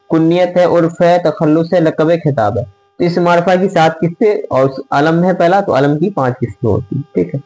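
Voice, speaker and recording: A man teaching an online grammar lesson, asking questions and answering them himself, repeating the items slowly as he writes them out. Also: a little high, a little mellow, low-quality recording. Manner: drills by asking and answering his own questions.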